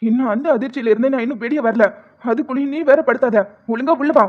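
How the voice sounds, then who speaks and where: A performer voicing a stubborn young husband set on revenge in a homemade cartoon, talking forcefully and insistently. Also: mid-range voice, quick pace, lightly acted. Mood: pleading. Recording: dull lo-fi sound with faint music.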